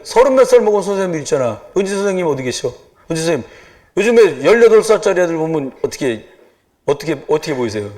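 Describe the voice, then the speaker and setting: Lively high-voiced male pastor preaching. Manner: lively, swings from hushed asides to loud exhortation. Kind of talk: sermon. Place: church sanctuary.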